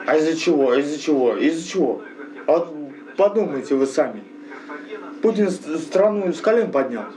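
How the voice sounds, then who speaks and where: Rough street-thug Russian man, animated and foul-mouthed. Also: fairly high pitch, moderate pace, rough recording. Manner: rough street-thug talk, heavy swearing and slang. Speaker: local resident being interviewed. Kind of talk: casual street talk.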